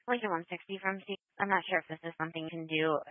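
A woman dispatcher talking fast over a police radio channel, firing off unit numbers and clipped codes. Her voice sits a little low and comes through a tinny, narrow band. It is dry and close, with no room around it. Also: steady tone, dry recording. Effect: police radio transmission.

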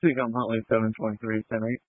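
A man's voice: fairly low pitch, level tone, quick pace, no room sound. A male police officer heard over a two-way radio, giving clipped calls and reading plates in the phonetic alphabet. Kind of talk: terse radio traffic. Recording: narrow, dry two-way radio line.

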